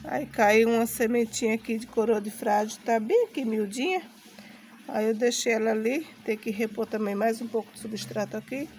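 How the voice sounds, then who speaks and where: A woman's voice: fairly high pitch, moderate pace, darkish tone, a little hiss or hum. A Brazilian Portuguese-accented woman chats casually while showing things outdoors in a vlog, her voice affected by recovering from a bad flu. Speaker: gardening vlogger. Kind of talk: casual chatty show-and-tell. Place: outdoor home garden.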